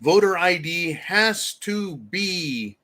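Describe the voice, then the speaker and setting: A man's voice: high voice, animated, slow, bright, forceful tone. A man hosting a live stream, talking bluntly with heavy profanity and acting out the people he talks about. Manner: blunt, profane ranting, acts out quoted voices. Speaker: livestream host. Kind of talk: casual live-stream commentary.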